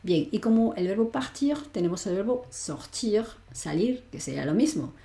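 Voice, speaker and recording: A woman's voice: mid-range voice, expressive, normal speed, mellow, echoey room. A woman teaching a French grammar lesson online, explaining step by step and often checking in with the learner. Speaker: language teacher.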